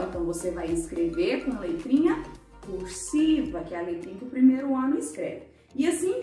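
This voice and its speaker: Brief: high-pitched, animated woman teacher, patient with children, recorded from a distance in a very echoey room with faint music. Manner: patient, uses many diminutives. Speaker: primary school teacher. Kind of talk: explaining worksheet exercises to children.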